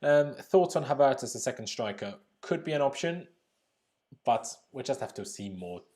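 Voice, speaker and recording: Reacting live to a football draw, the young Austrian streamer reads out viewer comments, keeps things casual and laughs a lot. He speaks expressively at a moderate pace in a mid-range, dark-toned voice.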